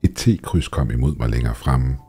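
A man reading a horror story aloud in a steady, measured, scripted narration. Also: rumbling low, breathy edge. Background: faint background music.

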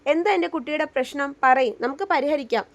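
A woman's voice: sits high, fast talker, dull audio, lightly acted. A woman reading a firm protective young husband. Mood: tender.

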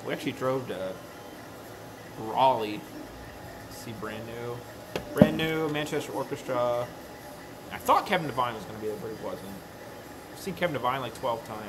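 In a workshop room, a man in his thirties chats casually with his live stream as he works at a crafting table, rambling and often correcting himself. His medium-pitched voice is expressive and moderately paced, with long pauses and background noise behind it.

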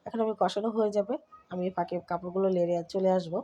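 A middle-aged woman from Bangladesh, chatting casually to viewers while she cooks and cleans at home. She has a cold and keeps her voice soft. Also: mid-range voice, fairly even intonation, very fast, dull audio. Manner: chatty, talks to viewers while doing chores. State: has a cold, speaks softly. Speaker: vlogger. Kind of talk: casual cooking and home vlog narration. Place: home kitchen.

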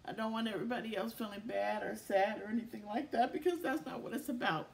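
A middle-aged woman talking in a casual video diary, weary and emotional, speaking haltingly with many pauses. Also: on the high side, vocal fry, darkish tone. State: tired and tearful. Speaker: vlogger.

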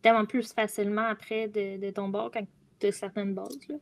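This guest columnist on a youth talk show is a young adult woman with a Quebec French accent, talking casually with a group on a video call from home. She has a gravelly, medium-pitched voice with a level tone and normal speed.

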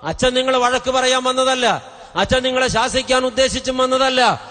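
At a convention-stage podium, an impassioned middle-aged man preaches a fervent revival sermon into a stand mic held close to his mouth, and the hall's sound system makes it boom and echo. His high voice is bright and forceful at a moderate pace. He exhorts the crowd, hammering home repeated phrases.

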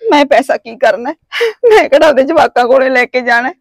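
A woman's voice: high-pitched, fast talker, dry recording. An actress with a Punjabi accent playing a tearful young wife thrown out of her home, begging for work and shelter. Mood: pleading. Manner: pleading, sobbing. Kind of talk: village family drama acting.

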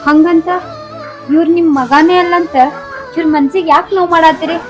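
Meek young daughter-in-law played by a woman, North Karnataka Kannada accent, soft tearful pleading over music. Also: very high-pitched, fairly even intonation, normal speed. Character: meek young wife, pleading and self-blaming. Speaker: daughter-in-law in a comedy skit. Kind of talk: village comedy drama acting.

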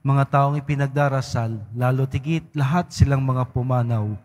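A man serving as a priest, leading mass prayers in a solemn, measured recitation. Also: medium pitch, a little mellow. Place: large church. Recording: long church reverb.

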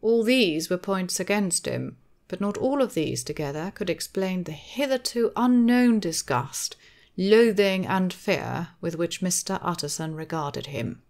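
A woman narrating an audiobook of a classic novel in a measured, expressive reading. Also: lowish voice.

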